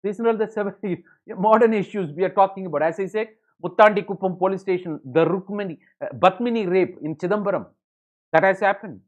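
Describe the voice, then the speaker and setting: A man delivering an exam-coaching lecture at a brisk, rushing clip, his voice sitting a little high. He keeps stringing ideas together with "you know" and calls his students ladies and gentlemen. The recording is dull and lo-fi. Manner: rapid, filler-heavy, addresses students as ladies and gentlemen. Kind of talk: online lecture.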